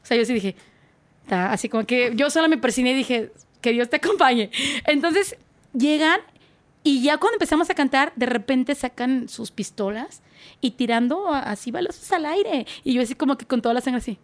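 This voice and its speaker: Mexican woman singer, high voice, animated storyteller, casual podcast chat. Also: a little fast. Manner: animated, acts out voices and sound effects while telling stories. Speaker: guest singer.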